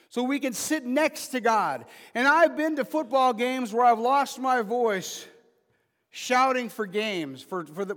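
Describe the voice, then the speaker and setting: An extremely high-pitched, somewhat bright male voice belongs to a pastor in his fifties delivering an informal sermon. Recorded in a reverberant hall, he blends humor with emphatic calls to the congregation.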